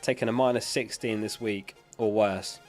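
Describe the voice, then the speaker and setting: A fairly low, slightly mellow male voice keeps a steady tone at a moderate pace while faint music plays behind. He hosts a livestream in a casual way, reading viewer questions and responding plainly as sickness starts to strain his voice. Recorded close on a dynamic studio mic.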